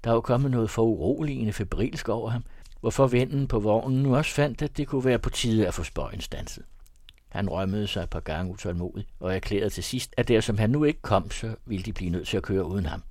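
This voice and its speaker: A man narrating an audiobook in a measured storytelling manner. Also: fairly low pitch, a little mellow, no room sound.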